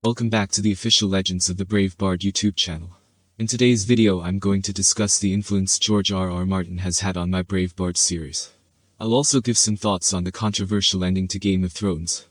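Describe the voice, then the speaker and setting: A man hosting a video, reading scripted commentary in a measured, written style. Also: low voice, dry recording. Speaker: video host and fantasy author.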